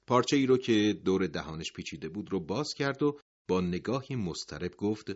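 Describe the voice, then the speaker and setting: A man with a fairly low voice narrates a dramatic storybook tale. His pitch moves widely and he sinks into hushed tones at the end of sentences. The recording is slightly dull and lo-fi. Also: expressive.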